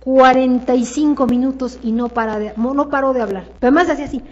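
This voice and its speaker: A Mexican woman with a high voice runs a sales seminar, hammering her points home with repetition and rhetorical questions. The recording sounds dull and lo-fi. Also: steady tone, fast, a little mellow. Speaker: sales trainer. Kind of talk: motivational seminar talk.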